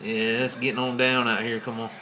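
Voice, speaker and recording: An American CB radio operator chats casually in folksy, colloquial CB slang. His voice is medium-pitched and delivered flatly at a brisk clip, over a clearly noisy CB radio setup.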